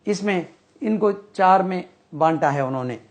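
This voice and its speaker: Slow man teaching grammar. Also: high voice, lively intonation. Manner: slow, repeats and spells out terms while writing. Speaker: English teacher. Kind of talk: whiteboard grammar lesson.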